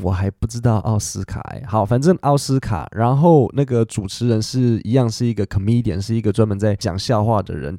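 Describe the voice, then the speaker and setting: A man's voice: fairly low pitch, dark tone, no echo, clean studio sound. A man, an English teacher explaining things in a chatty podcast style, full of fillers and English asides.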